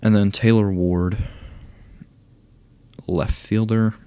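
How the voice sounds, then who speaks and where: Young male gamer, deep and hoarse, slow relaxed delivery, thinking aloud. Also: no echo. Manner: low-key, thinking aloud, reading stats. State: losing his voice, hoarse. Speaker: gaming YouTuber ranking cards. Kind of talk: casual commentary.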